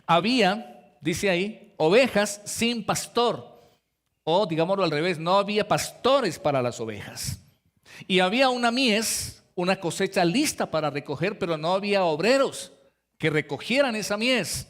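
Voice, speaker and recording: A man's voice: high-pitched, animated, moderate pace, a bit bright. A man delivers a sermon. He preaches in a conversational way, turning to his listeners directly and acting out the voices in the stories he tells. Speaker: pastor.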